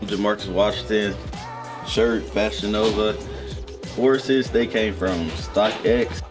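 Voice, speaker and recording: Low-voiced man listing his outfit. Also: slow, over music. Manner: laid-back, listing items. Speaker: student showing his outfit. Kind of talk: casual outfit rundown.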